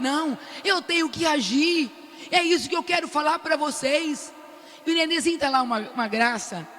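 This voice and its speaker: An older woman with a Brazilian accent giving an animated testimony at a prayer meeting, acting out the lines she quotes. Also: high-pitched, big-room sound. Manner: animated storyteller who loudly acts out the quoted lines. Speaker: prayer group speaker. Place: large cathedral.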